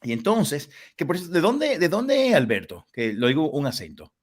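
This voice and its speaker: A man hosting a livestream interview, telling stories with animated energy. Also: normal speed. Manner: animated storyteller with lively swings in pitch. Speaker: host.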